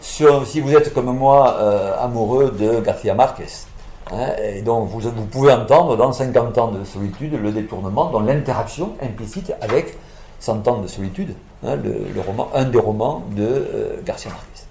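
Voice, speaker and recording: A man's voice: mid-range voice, normal speed, warm tone, echoey room, a little hiss or hum. A man giving an academic lecture, explaining patiently with many fillers and self-corrections.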